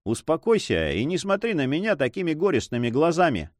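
Ironic young nobleman, voiced by a male narrator, bantering and lively, storybook hero. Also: on the high side, fairly quick, no echo, studio quality. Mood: earnest. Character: teasing, carefree young nobleman, Don Sancho.

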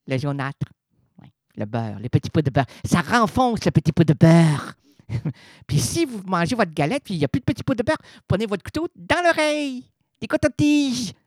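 A man's voice: sits high, dry recording, studio quality. A man hosting a radio show, rambling playfully through a comic retelling full of wordplay and stammered restarts. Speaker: radio host. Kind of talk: absurd comic storytelling on radio.

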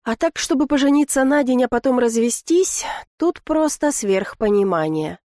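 A woman narrating a first-person novel in a lively, wry, conversational way. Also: high-pitched, moderate pace, no room sound. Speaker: audiobook reader.

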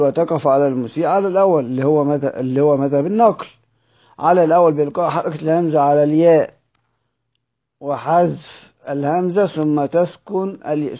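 A man with an Egyptian Arabic accent teaches the fine points of Quran recitation. His voice sits a little high and sounds soft and mellow, and the recording is dull and lo-fi. He moves between reading a classical text and explaining it in plain speech, full of rhetorical questions. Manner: reads a passage, then explains it in colloquial speech with rhetorical questions.

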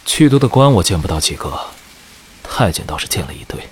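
An actor playing a tired, frank border general in an audio drama, speaking low and plainly. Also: male voice, big pitch swings, brisk, husky, heavily acted. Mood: weary.

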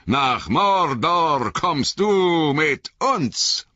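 A man's voice: on the high side, very animated, bright, forceful tone, no echo, highs cut off, voice pushed up, full character voice. A man doing cold, mocking spectral riders. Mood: mocking menace. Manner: slow, drawn-out, cutting calls.

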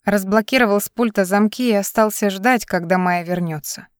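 A woman narrating a novel as an audiobook in an even, measured way. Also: mid-range voice, no room sound, studio quality. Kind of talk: scripted narration.

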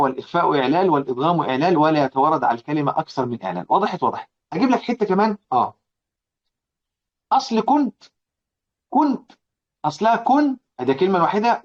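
A man with a slightly high voice and an Egyptian accent lectures briskly on recitation rules. He asks and answers his own questions and circles back over each point, slowing to chant the quoted verses. The recording is dull and lo-fi. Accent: Egyptian Arabic. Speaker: Quran recitation teacher. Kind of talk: classroom lecture explaining a didactic poem.

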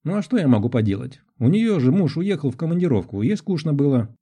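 A man's voice: on the high side, big pitch swings, fast, dark tone, breathy edge, pitched above the performer's own voice, heavily acted. A man voicing a balding, guilty husband with a thin, whiny voice who keeps making excuses, in an audiobook.

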